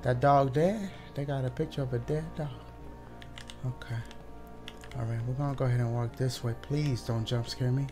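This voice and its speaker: A man's voice: medium pitch, steady tone, normal speed, music in the background. A young man doing casual, sweary live commentary as a scared horror game streamer talking to his viewers. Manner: nervous, scared horror gamer, swearing often.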